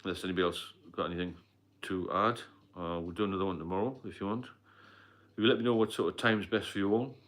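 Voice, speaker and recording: Middle-aged British livestream host, deep low voice, loose rambling delivery with fillers. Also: male voice, fairly even intonation, quick pace, a bit bright. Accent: British English. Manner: rambling, repetitive, frequent fillers and coughs. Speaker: livestream host, sobriety mentor. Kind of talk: casual live stream talk.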